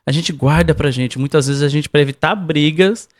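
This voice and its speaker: A man's voice: a little high, normal speed. A man co-hosting a podcast, giving marriage advice in a didactic way and speaking straight to the listeners. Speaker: podcast co-host. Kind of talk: casual advice chat.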